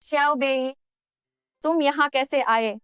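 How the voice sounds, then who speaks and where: A woman's voice: high voice, steady tone, slow, fairly bright tone, dry recording, clean studio sound, soft background music. A woman dubbing the role of a middle-aged mother who suspiciously questions her son's girlfriend. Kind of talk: dubbed drama acting.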